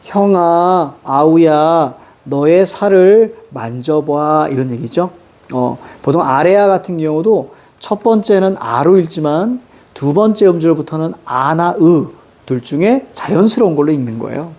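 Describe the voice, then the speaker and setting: A woman teacher giving a chatty classroom lecture, joking with students and reading old verse aloud slowly. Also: low voice, expressive, warm tone. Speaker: Korean literature teacher.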